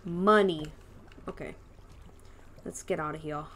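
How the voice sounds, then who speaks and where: A woman's voice: sits low, a little slow. A young woman hosting a casual gaming chat, exclaiming and gasping as she plays. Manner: lively, exclaiming and gasping while playing. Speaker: channel host.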